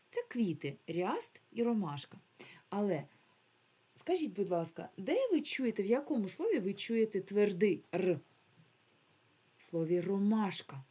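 A woman's voice: medium pitch, dark tone. A woman teaching a remote phonics lesson to young children, drawing out each word carefully and modeling the sounds for the class to repeat. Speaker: primary school teacher.

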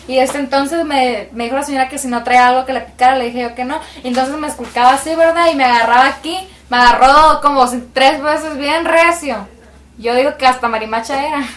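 High-voiced young woman telling her story. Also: fairly quick. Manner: lively storytelling, colloquial. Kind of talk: interview, personal account. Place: small dormitory room. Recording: roomy echo.

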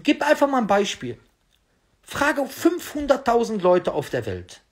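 Husky man preaching with rhetorical questions. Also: extremely high pitch, huge pitch swings, a little slow. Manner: insistent, full of rhetorical questions. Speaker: Islamic preacher. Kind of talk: argumentative religious lecture.

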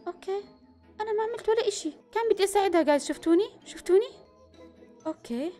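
Excitable high-voiced woman gamer. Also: soft background music. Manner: excitable, with bursts of screaming and quick whispers. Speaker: gaming YouTuber. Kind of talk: let's-play commentary.

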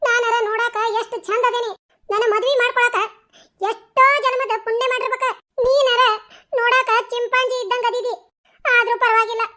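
A scheming village mother from a cartoon wails and scolds, as a woman acts her out. Her voice is extremely high and piercingly bright. She rattles off complaints in a shrill rush. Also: level tone. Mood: boastful. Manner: wailing, scolding, rapid village banter. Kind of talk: cartoon dialogue.

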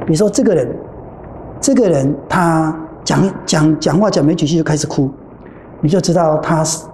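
A Buddhist nun with a Taiwanese Mandarin accent gives a dharma talk in a temple hall. Her voice is lowish and mellow, but it swings widely as she acts out her stories. The sound is roomy, with faint noise behind it. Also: moderate pace.

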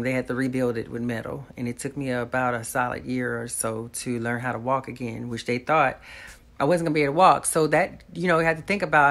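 A woman's voice: rumbling low, a bit bright. A woman, earnestly telling a personal testimony straight to the camera from a small room at home. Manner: earnest, talks straight to viewers, faith-filled. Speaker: vlogger.

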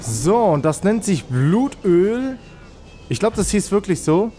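A man hosting a let's play, talking through the game as he goes. He gets excitable, yelps at close calls and pleads with his vehicle to cooperate. Faint game music plays behind him. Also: sits high, takes it slowly. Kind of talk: gameplay commentary.

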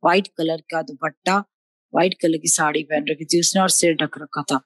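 A middle-aged woman with a fairly low voice tells a personal testimony as a lively storyteller, slipping between Hindi and English. The sound is dry and close, with no room echo. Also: normal speed. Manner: lively storyteller mixing Hindi and English, acting out quoted speech. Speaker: devotee sharing a testimony.

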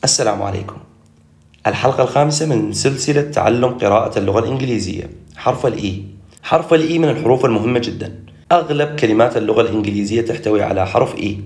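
A man with an Iraqi Arabic accent teaching English reading, sounding out words slowly and telling the viewer what to do. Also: lowish voice, a little mellow, soft background music. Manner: slow, drawn-out sounding-out of words; direct, instructs the viewer. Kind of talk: recorded online lesson.

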